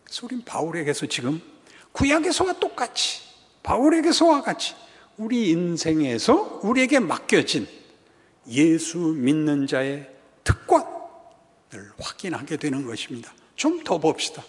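A male pastor preaching a sermon, swinging dramatically between loud emphatic lines and hushed whispers. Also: on the high side, big pitch swings, moderate pace, long reverb tail.

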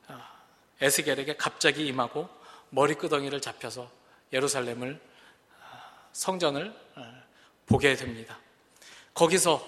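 Male pastor, sermon, high-pitched, earnest and impassioned, long hall reverb. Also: sharp tone. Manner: earnest, building to impassioned emphasis.

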